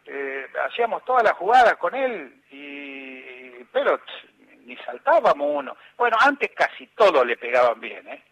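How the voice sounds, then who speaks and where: A man's voice: fairly high pitch, big pitch swings, measured pace, fairly bright tone, muffled recording. An older man with an Argentine accent, a former footballer telling rambling anecdotes in an interview, often restarting and quoting others. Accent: Argentine Spanish. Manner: rambling, with many restarts and acted quotes. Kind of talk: anecdotal storytelling.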